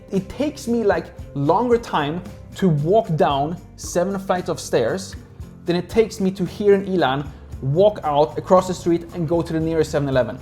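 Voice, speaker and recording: Chatting in a casual, rambling way, someone who grew up in Sweden keeps using "like" as a filler. Their voice is mellow and mid-range.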